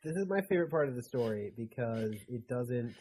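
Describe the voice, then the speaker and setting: A man co-hosting a podcast, animated and joking as he discusses a story. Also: medium pitch, fairly quick, slight background noise. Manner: animated, joking, laughs often. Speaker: podcast co-host. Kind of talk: casual chat.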